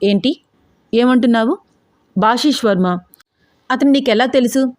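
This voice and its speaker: A woman's voice: mid-range voice, normal speed, darkish tone, no echo, natural voice. Woman playing a furious protective young man, stern threats, storybook, dry voice. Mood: stern anger.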